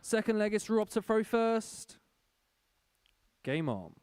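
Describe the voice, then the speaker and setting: A man's voice: high voice, very animated, slow, darkish tone, smooth, dry recording. A man working as a darts score caller, announcing scores and legs in short, formal calls.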